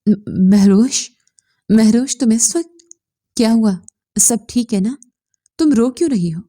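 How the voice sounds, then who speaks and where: A woman reading the part of a young man in a storybook romance, firm and stern as he scolds. The voice is mellow and warm. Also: a little high, unhurried. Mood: firm, worried. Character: young man, anxious lover, stern then tender.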